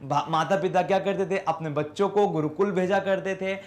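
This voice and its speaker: A man with an Indian accent teaching an English class. His voice sits high, and he reads the English text slowly and carefully. He keeps asking questions and then answering them himself as he explains. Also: steady tone.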